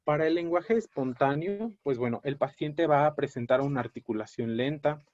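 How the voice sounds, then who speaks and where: A man lecturing on a clinical topic in a measured, explanatory way, often pausing on fillers and correcting himself mid-word. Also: fairly high pitch, darkish tone, no echo. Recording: dry, dull lo-fi audio.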